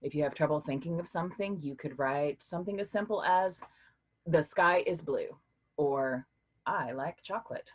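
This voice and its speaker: In a staged play reading, an actress with a low voice and moderate pace plays a patient woman philosophy professor leading a class discussion. She sounds lively, questioning and teacherly.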